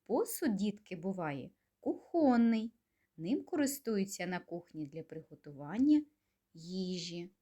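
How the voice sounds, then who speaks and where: A woman kindergarten teacher leads a speech lesson for little children, her pitch rising and falling in a lively, singsong way. She speaks slowly and gently, asking coaxing questions and leaving pauses for the children to answer.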